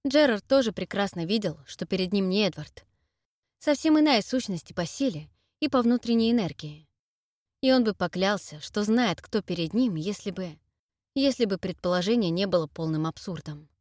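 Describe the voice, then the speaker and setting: A woman narrates a fantasy novel in an even, measured way, at a middle pitch for a woman. The recording is dry and close, with no room sound. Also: no echo. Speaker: audiobook narrator. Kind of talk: scripted narration.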